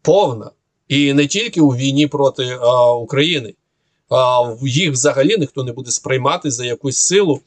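A man's voice: medium pitch, normal speed, no echo. A man analysing the war and answering viewers' questions in an unscripted monologue, sarcastic and argumentative, with many hesitations and filler sounds.

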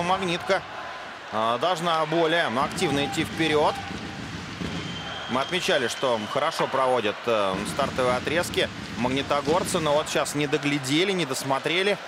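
A man's voice: fairly high pitch, expressive, moderate pace, background noise. A man giving live play-by-play commentary on a televised hockey game.

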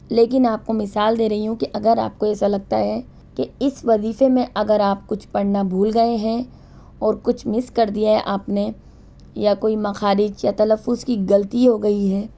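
A woman giving calm, repetitive religious instruction, reciting short phrases slowly between her explanations. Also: mid-range voice, creaky. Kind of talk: spoken instruction with slow recitation.

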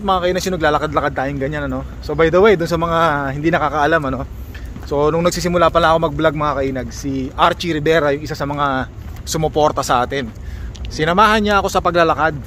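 A man's voice: on the high side, fairly quick, a bit bright, slight background noise. A man talking casually to his viewers while walking outdoors by a lake, exclaiming often at the sights. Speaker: vlogger.

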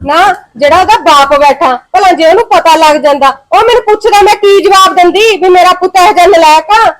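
A woman's voice: very high voice, brisk. An actress playing a scolding village mother who cares about family honor, speaking with a Punjabi accent. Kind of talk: short film drama acting.

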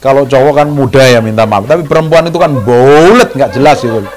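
A man preaching a sermon as pastor, chatting with the congregation and breaking into high mocking voices when he quotes people. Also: a little fast. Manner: animated, jumps into high mock voices when quoting people; chatty, asks the congregation questions.

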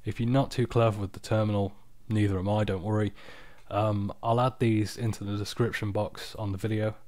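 A tired man giving a casual, unscripted screen-recording tutorial, explaining software steps in an informal, off-the-cuff way. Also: fairly low pitch, flat delivery, fairly quick, dry recording. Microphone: external microphone, close and dry.

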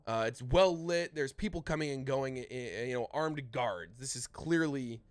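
A man's voice: mid-range voice, lively intonation, moderate pace, no room sound. A man narrating a tabletop fantasy game as the game master, in loose, rambling narration full of restarts. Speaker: dungeon master.

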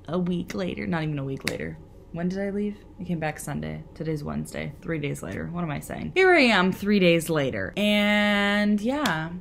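A woman's voice: fairly low pitch, fairly bright tone. Young woman vlogging from bed, rambly and chatty, lots of likes and ums, faint background hiss. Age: young adult. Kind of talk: casual vlog chat. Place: bedroom.

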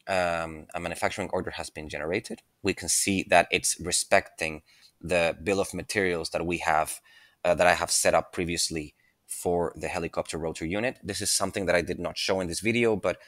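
Low-voiced man walking through software. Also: no room sound. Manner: relaxed, thinking aloud with frequent fillers and restarts. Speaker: software tutorial presenter. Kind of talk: screen-recorded software walkthrough.

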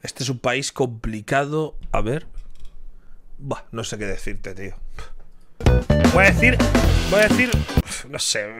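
A man's voice: mid-range voice, very animated, measured pace, long pauses, bright, forceful tone. A man, reacting to a quiz in casual commentary, thinking aloud, repeating his guesses and cheering himself on. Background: quiz background music.

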